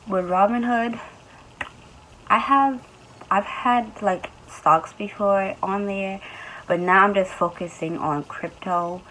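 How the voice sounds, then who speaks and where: A woman's voice: fairly low pitch, fairly bright tone, slight background noise, rough recording. Sleepy-voiced young woman vlogging casually. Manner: loose, chatty, with many fillers. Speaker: YouTube host. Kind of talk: casual vlog talk.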